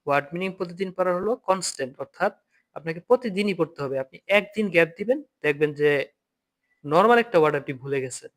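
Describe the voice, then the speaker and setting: A man's voice: high voice, lively intonation, fast, a bit bright. A young man, a native Bengali speaker, teaching an online German lesson, patiently spelling out letters and repeating words, often checking "okay?".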